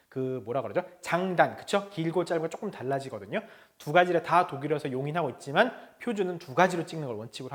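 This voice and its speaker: Lively high-voiced male language teacher. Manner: explanatory, keeps checking in with learners; models phrases slowly, then explains them. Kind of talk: recorded language lesson.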